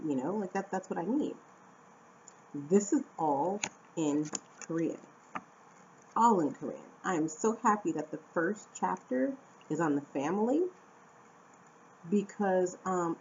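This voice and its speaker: A young American woman from Arizona chatting casually to camera at home, animated and talkative. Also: on the low side. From Phoenix, Arizona, USA. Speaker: vlogger and English teacher. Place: at home indoors. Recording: dull lo-fi camera audio with faint room noise.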